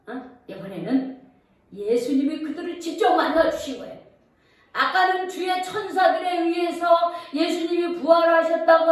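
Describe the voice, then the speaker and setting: Woman pastor, high voice, storytelling sermon, miked from a distance in a very echoey church hall. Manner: questions to the listeners, storytelling. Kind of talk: sermon retelling a Bible story.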